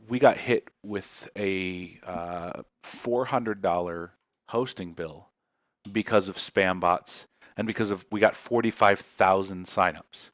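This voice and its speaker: A man's voice: fairly low pitch, fairly bright tone, no echo. A man hosting a casual community livestream chat, rambling and emotional, with many restarts. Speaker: community podcast host.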